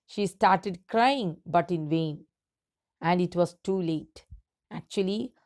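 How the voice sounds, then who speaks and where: A woman teacher reads a story aloud at an unhurried, measured pace, stopping between phrases. Her voice sits at an ordinary middle pitch. She explains vocabulary patiently for her students. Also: a little mellow. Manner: slow, deliberate, clear reading with pauses between phrases.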